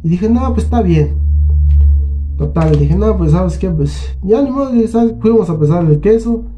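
A man's voice: high-pitched, expressive, moderate pace, warm tone, a little hiss or hum. A man with a Mexican accent casually tells a story on his vlog, acting out both sides of an argument in colloquial, salty speech. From Huasteca region of Mexico. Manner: colloquial, swears freely. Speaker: channel host.

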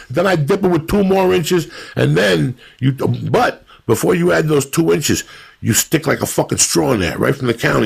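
A middle-aged man talking on a podcast in a deeply gravelly, husky voice. He tells loud, profane stories with lots of swearing and big swings in how he says things. It sounds like casual chat with friends. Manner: profane, animated storytelling. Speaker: podcast host.

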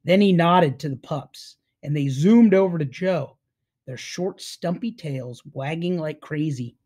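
A woman reading a children's book aloud to listeners, with an expressive, unhurried delivery. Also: sits low, breathy edge.

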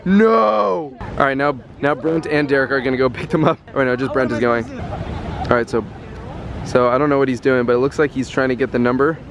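A man's voice: medium pitch, steady tone, a little fast, a crowd in the background. Young man vlogging over background noise. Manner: playful, teasing, laughs often. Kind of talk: casual vlog chat.

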